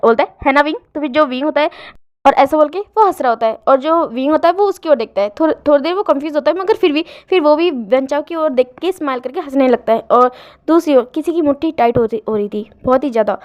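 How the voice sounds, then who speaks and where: A woman tells a fan-fiction story in a quick, high voice. She narrates casually, restarting and correcting herself often as she goes. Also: a little mellow, lo-fi sound. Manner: repetitive, self-correcting, many restarts.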